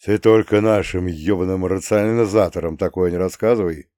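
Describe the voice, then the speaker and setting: A man voicing a gruff, hard-drinking old male war veteran who grumbles and swears, in an audiobook. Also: deep voice, fairly even intonation, a little fast, dark tone, dry recording, studio quality, lightly acted. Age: older.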